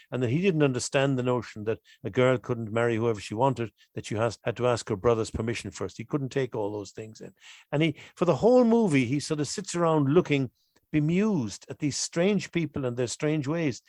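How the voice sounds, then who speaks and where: A film expert from the west of Ireland, speaking with an Irish accent, offers conversational commentary as a podcast guest and repeats phrases for emphasis. His medium-pitched, darkish voice is recorded in clean studio sound with no echo.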